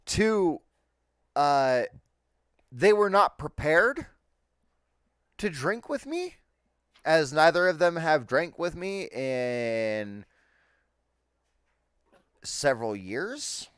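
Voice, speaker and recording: A man's voice: a little high, sing-song, extremely slow, pauses often, fairly bright tone, clear, resonant tone, no echo, clean studio sound. A man in casual chat over an online voice call, telling a rowdy story with laughs and swearing. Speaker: tabletop game player. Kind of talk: casual chat before a game session.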